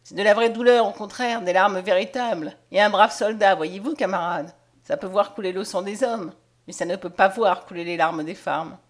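A woman's voice: mid-range voice, moderate pace, natural voice. A woman voicing a bold, loyal male hussar who firmly defends a friend, in an audiobook. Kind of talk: audiobook character voice.

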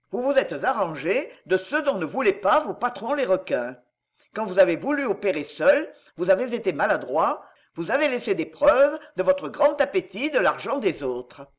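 A man's voice: sits high, breathy edge, full character voice. A man playing a cold, stern nobleman. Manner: cold, measured, commanding.

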